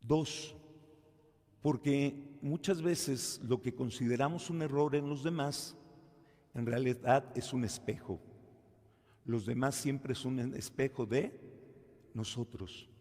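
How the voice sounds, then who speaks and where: A man, a priest giving a homily at mass, telling stories slowly and acting out the people in them. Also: medium pitch, warm tone. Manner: slow, storytelling, acts out quoted people. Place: church during mass. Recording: reverberant church.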